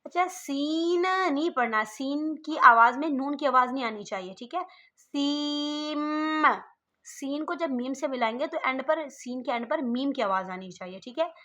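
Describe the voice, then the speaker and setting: A woman gives a patient online recitation lesson, her voice bright and fairly high. She explains each letter calmly and stretches the sounds out long when demonstrating. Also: a little fast, hardly any pauses, dull audio. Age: middle-aged. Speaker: online Quran reading teacher. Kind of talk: slow step-by-step recitation lesson.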